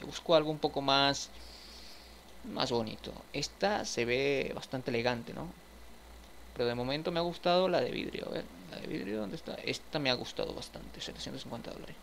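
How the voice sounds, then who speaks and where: A man's voice: medium pitch, creaky, a bit bright, a little hiss or hum. A man giving casual gameplay commentary, chatting to his viewers as he furnishes a house in a game. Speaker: gaming streamer.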